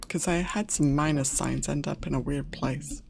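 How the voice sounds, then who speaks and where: A woman co-streaming a modded game, chatting in a low-key, wry way and laughing easily. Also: normal speed, gravelly, a little mellow, slight background noise. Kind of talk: casual live-stream chat.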